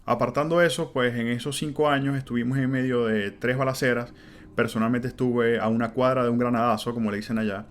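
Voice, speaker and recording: A man's voice: mid-range voice, fairly even intonation, brisk, slight background noise. A man in his thirties from Venezuela with a Venezuelan Spanish accent, hosting a solo podcast in an earnest, conversational way. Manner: earnest, conversational, with fillers like "este" and "pues". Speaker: podcast host. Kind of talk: reflective solo podcast monologue.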